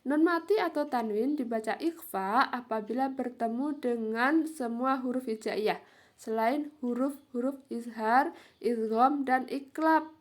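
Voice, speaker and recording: A woman teacher explaining Quran reading rules slowly, reading each example aloud and repeating it. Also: on the high side. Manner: slow, explains then models each example. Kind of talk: Quran recitation lesson.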